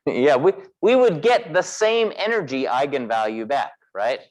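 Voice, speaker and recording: A physics instructor, a man with a slightly mellow yet fairly high and very animated voice, lectures at a moderate pace in a recorded class meeting. He works through the material one step at a time and quizzes the class as he goes.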